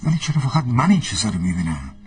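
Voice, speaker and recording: A man dubbing a young ex-soldier mechanic who cannot stand injustice, speaking in an earnest manner that flares quickly into anger. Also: medium pitch, big pitch swings, darkish tone, soft background music, natural voice. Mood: troubled. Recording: distant voice over film score.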